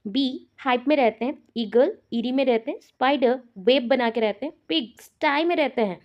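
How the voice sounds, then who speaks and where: A woman's voice: high voice, moderate pace, highs cut off. A woman teacher from India giving an exam-prep lecture, explaining terms step by step and repeating the key words.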